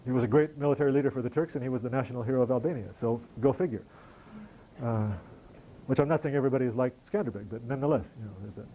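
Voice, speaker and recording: A man's voice: medium pitch, racing, narrow, tinny audio, a little hiss or hum. A middle-aged American man answering audience questions after a lecture, conversational and wry, with frequent restarts. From United States. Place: lecture hall.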